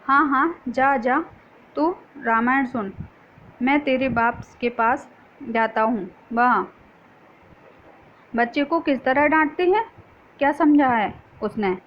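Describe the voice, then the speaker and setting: A stern elderly head of a family, as a woman reads his lines aloud. The voice is high and the scolding comes slowly. The recording sounds dull and lo-fi. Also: slight background noise.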